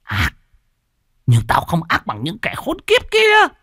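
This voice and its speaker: A man's voice: fairly high pitch, huge pitch swings, takes it slowly, sharp tone, no echo, studio quality, full character voice. A man voicing a vengeful, scheming old village woman who hisses and drops into whispers in an audio storybook. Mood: mocking. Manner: bitter, hissing, swings into whispers.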